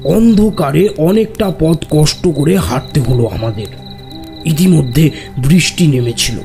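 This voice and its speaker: An actor playing a tantric who tells his tale in a slow, grave, measured manner, in an audio horror drama. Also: fairly high pitch, creaky, darkish tone, heavily acted. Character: gruff older male tantric storyteller. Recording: music and crickets behind.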